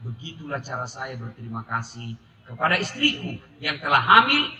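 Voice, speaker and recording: A man voicing a solemn, gentle old male caliph, speaking low and quietly. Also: sing-song, moderate pace. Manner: quiet, grave. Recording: echoey and distant with crowd noise.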